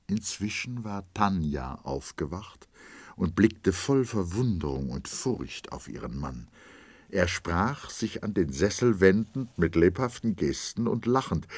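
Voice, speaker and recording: Deep, husky male audiobook narrator. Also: dry recording. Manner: expressive, dramatic reading with hushed passages.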